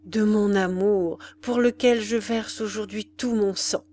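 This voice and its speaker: A woman's voice: medium pitch, steady tone, unhurried, a little mellow, a little hiss or hum, close to an everyday voice. A woman reading aloud, voicing a proud condemned young man who answers in cold, clipped replies. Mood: reproachful.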